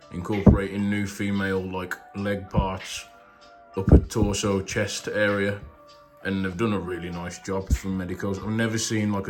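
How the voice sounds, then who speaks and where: A man with a low-pitched voice presents an unboxing review in a chatty, informal way. He piles on superlatives as he talks to his viewers, with music playing behind him. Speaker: YouTube toy reviewer and channel host. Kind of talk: casual action figure unboxing review.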